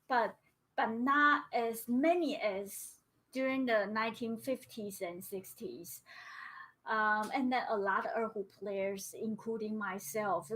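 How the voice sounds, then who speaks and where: A woman's voice: a little high, a bit bright, poor audio. A woman in her thirties from Taiwan with a Taiwanese Mandarin accent, a musician giving a casual online lecture, hesitant with many fillers and restarts, on a webcam in a small home music room. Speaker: erhu player giving a lecture recital. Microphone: webcam at a distance.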